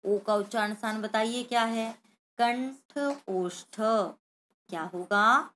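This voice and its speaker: Going through a Sanskrit worksheet, a woman teacher with a mid-range, fairly bright voice voices each letter in turn and talks right to the children watching.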